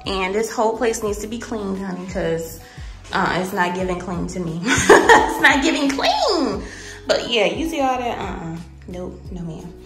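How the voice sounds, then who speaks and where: A woman's voice: medium pitch, unhurried, over music. A young woman vlogging casually, chatting straight to her viewers as she shows them around an empty apartment on a handheld phone. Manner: animated, talks straight to viewers with lots of "y'all" and "honey". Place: empty apartment, kitchen and bare rooms. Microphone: phone camera, handheld while walking. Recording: echoey empty room with long reverb.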